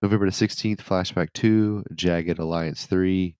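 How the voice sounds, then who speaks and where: A man's voice: deep voice, fairly even intonation, unhurried, warm tone, smooth, no room sound. A man co-hosting a gaming podcast, reading a list of releases with dry joking asides. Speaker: podcast co-host.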